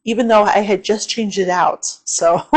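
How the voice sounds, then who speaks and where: Casual and unhurried, this channel host walks viewers through an astrology forecast with lively intonation in a medium-pitched voice that sounds slightly hoarse and tired. She frequently says "um" and checks in with "okay?", over low-quality recording.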